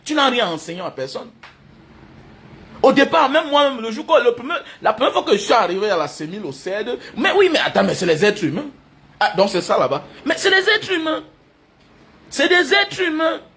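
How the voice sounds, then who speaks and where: A man's voice: sits high, a bit bright. A man delivering an impassioned, hectoring monologue, repeating points emphatically and breaking into laughter. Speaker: commentator addressing online critics.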